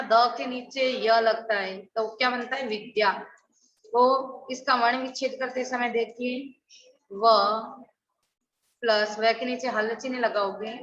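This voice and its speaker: A woman's voice: a little high, pushed and bright. A middle-aged woman teacher giving an online class, drilling correct spellings by contrasting wrong and right forms and asking questions she then answers herself. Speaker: school Hindi teacher. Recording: echoey, distant, dull online class audio.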